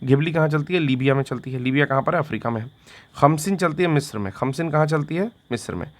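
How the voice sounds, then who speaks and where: A man's voice: a little high, fast talker. A man teaching an exam revision lesson in Hindi, repeating each fact and quizzing himself with a question and its answer, with "theek hai" after each point.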